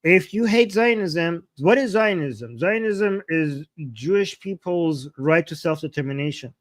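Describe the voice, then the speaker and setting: A man's voice: a little high, animated, a little slow, no room sound. A man from Iran with an Iranian accent, hosting a live political reaction stream in an argumentative, insistent way, repeating points and asking rhetorical questions. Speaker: livestream host.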